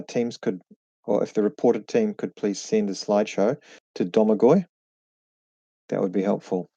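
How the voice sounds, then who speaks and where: Low-voiced man chairing a session. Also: mellow, no room sound. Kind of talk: procedural announcements. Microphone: video call. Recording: dull lo-fi call audio.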